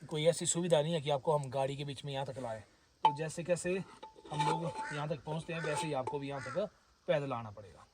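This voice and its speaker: A man's voice: fairly high pitch, brisk, far from the mic, heavy background noise. A man from Himachal Pradesh with a Himachali accent, chatting casually to his viewers while filming at a herders' camp in the forest. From Himachal Pradesh, India. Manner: chatty, addresses viewers as friends and brothers. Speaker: vlogger. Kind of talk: casual vlog narration.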